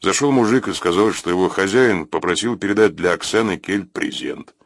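A man voicing a mustached security guard who talks in an offhand, joking way, in a low voice. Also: normal speed, creaky, dry recording, studio quality.

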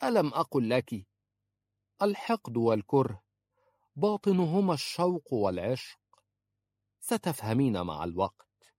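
A man voicing a sharp-tongued older woman who scolds and protects a young woman, with a sarcastic, blunt manner. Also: mid-range voice, sing-song, moderate pace, long pauses, dry recording, voice pushed up. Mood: scolding. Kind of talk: audiobook character voice.

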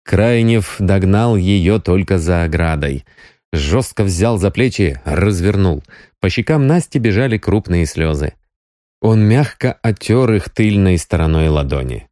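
A man narrating an audiobook with expressive storytelling. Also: low voice, measured pace, no echo, studio quality.

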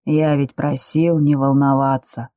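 A man's voice: medium pitch, flat delivery, a little slow, warm tone, no room sound, studio quality, close to an everyday voice. A reader doing a stern, curt man in love. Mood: calm. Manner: curt, commanding. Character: tense stern man, the heroine's beloved.

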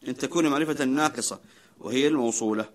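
A man's voice: medium pitch, fast talker. A man reading grammar text and verses aloud for his teacher, in a recitation tone.

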